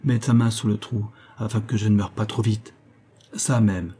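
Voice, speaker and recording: A man's voice: lowish voice, fairly even intonation, moderate pace, husky. Man voicing a tender dying old man. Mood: gentle. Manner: soft, gentle farewell speech.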